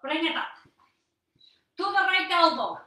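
A woman's voice: very high-pitched, sing-song, a little slow, bright, forceful tone, heavy reverb, far from the mic, rough recording. A woman leading a live-streamed yoga core workout in a stilted, put-on persona voice, coaxing and encouraging her viewers. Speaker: workout instructor.

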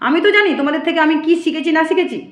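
A woman's voice: very high-pitched, lively intonation, rapid-fire. A woman, speaking to camera as a vlogger and defending herself against critics in an aggrieved, lecturing way, recorded on a phone in an echoey room. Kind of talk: direct-to-camera rant.

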